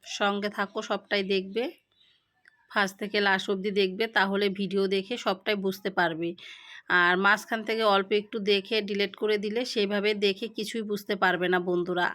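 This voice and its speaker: A middle-aged woman vlogging about her day at home, talking slowly and haltingly with pauses while she has a headache, filmed on a phone set down nearby. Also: mid-range voice, a bit bright. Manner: slow, halting talk with pauses. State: unwell with a headache. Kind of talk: casual daily-life vlog. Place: home kitchen and village shop.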